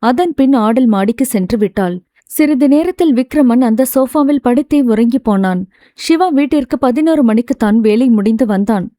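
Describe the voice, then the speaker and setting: A woman narrating a novel as an audiobook narrator, with a steady storytelling delivery. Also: on the high side, no echo, studio quality.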